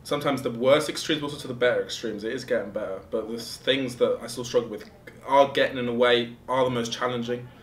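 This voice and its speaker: A man's voice: steady tone, fast. A man, answering interview questions hesitantly and searching for words. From Germany. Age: 20s. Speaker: student interviewee. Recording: roomy, distant mic with faint rumble.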